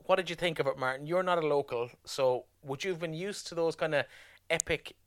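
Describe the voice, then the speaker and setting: A man's voice: on the high side, a little fast. A man with an Irish accent interviewing guests in a conversational way as host.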